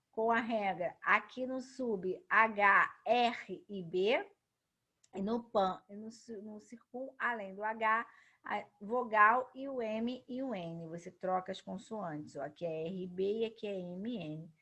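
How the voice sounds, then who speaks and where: A woman teaches a grammar lesson in an emphatic, explanatory way. She leans hard on key words and answers the questions she poses herself. Her voice sits at a medium pitch. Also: slow, sharp tone, slightly rough.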